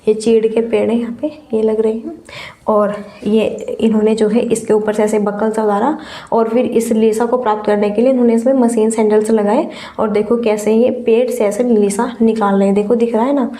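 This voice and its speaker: A woman with a high voice teaches an exam-prep class, explaining patiently and repeating the words she wants to stress. Her tone is mellow and a little tired from a fever, and the sound rings with the echo of a room. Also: fairly even intonation, brisk.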